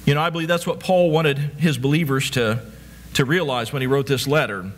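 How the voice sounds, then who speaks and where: A middle-aged male pastor speaks briskly in a mid-range voice as he preaches from a church stage, walking about. His sermon is marked by repetitive rhetorical questions and frequent stammered restarts.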